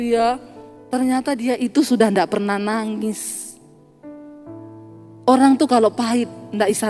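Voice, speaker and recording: A woman's voice: on the high side, darkish tone. A woman pastor preaching a sermon, telling stories and acting out the dialogue with laughter. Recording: long hall reverb with faint music.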